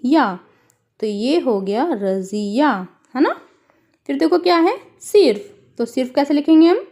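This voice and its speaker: A woman's voice: fairly high pitch, dark tone. A woman teacher explaining a worksheet to children, spelling words out syllable by syllable and calling her pupils "beta".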